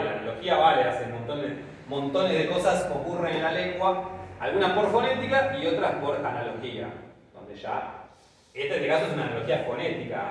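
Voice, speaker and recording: A man lectures his class and keeps checking that they follow. His voice is somewhat high and swings widely in pitch. He is recorded from a distance in a very echoey room, with faint ambient noise behind him. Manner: lively explanatory, checks understanding with "¿sí?". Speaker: Greek teacher.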